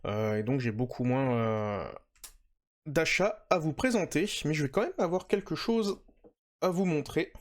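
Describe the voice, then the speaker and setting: A man's voice: on the high side, a little slow. A man hosting a casual manga podcast, chatting with lots of hesitations and fillers. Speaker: podcast host.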